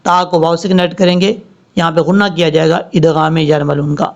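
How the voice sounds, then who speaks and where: A man teaching Quran recitation word by word, drawing out each word slowly and then explaining the rules in plain speech. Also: fairly high pitch, steady tone. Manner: slow drawn-out recitation between plain explanations. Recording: dull lo-fi recording.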